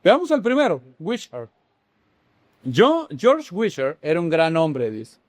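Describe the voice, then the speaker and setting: A male Bible teacher, preaching in an animated way. His pitch climbs and falls across a wide range and sits a little above the usual for a man. The sound is close and dry, with no room echo. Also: takes it slowly. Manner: animated, with sudden swings between loud exclamations and hushed dramatic lines; asks the audience questions. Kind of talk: sermon-style teaching.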